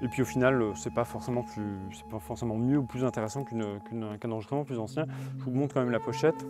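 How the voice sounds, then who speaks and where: A man's voice: mid-range voice, fairly even intonation, fast talker. A young man casually reviewing music albums to a phone camera, thinking aloud with many hesitations. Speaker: vlogger presenting borrowed music albums. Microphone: phone camera on a tripod.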